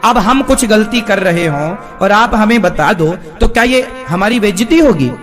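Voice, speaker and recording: A male spiritual preacher giving a live devotional discourse, animated, questioning his audience and acting out voices. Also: high voice, moderate pace, faint music behind.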